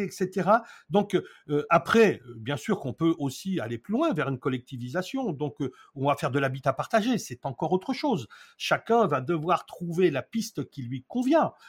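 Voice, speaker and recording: A man in his sixties from France, with a voice on the high side and a breathy edge, is an interview guest reflecting on housing. He stalls and restarts a lot, then presses his points in emphatic bursts.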